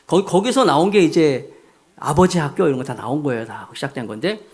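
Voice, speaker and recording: A man's voice: fairly high pitch, expressive, brisk. A middle-aged man preaching a Sunday sermon, telling a story with acted dialogue and emphatic rises. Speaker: pastor.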